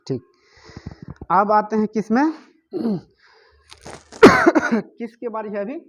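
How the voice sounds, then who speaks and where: A man's voice: high-pitched, animated, slow pace. A male teacher giving a grammar lesson, asking his class questions and answering them himself, repeating the key words. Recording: dull lo-fi recording.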